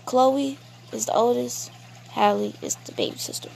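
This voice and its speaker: A woman giving a casual spoken album review, explaining song lyrics line by line in a relaxed, chatty way. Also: a little high, normal speed, vocal fry, slight background noise. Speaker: music reviewer.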